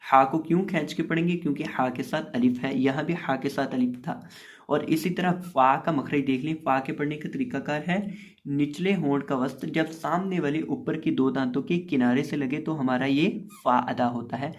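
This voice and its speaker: धीमे-धीमे अक्षर जोड़कर पढ़ाता आदमी. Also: male voice, a little high. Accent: Urdu-speaking Pakistani. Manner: slow drawn-out syllable-by-syllable recitation, then calm explanation. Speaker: Quran reading teacher. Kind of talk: spelling-out recitation lesson.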